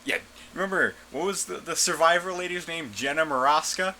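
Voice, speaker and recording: A man guests on a podcast in relaxed, casual chat, laughing often as he talks. His voice sits slightly high and sounds bright and forward. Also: fairly quick, a little hiss or hum.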